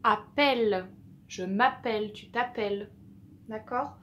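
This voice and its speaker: A woman's voice: mid-range voice, slow, a bit bright, slight background noise. A woman teaching young children a phonics lesson, spelling out letters and repeating sounds patiently. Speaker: primary school teacher.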